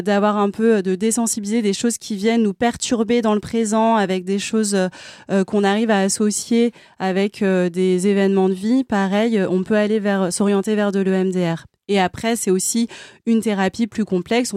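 A woman therapist, a guest on the panel, explaining therapies in a measured way with frequent hesitations. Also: mid-range voice, steady tone, mellow, clear, resonant tone, dry recording, clean studio sound. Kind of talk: explanatory discussion.

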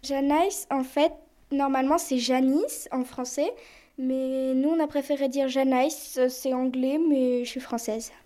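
A woman's voice: high voice, steady tone, a little slow, dark tone. A schoolgirl carefully reading out her prepared answers. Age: child. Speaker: schoolchild correspondent.

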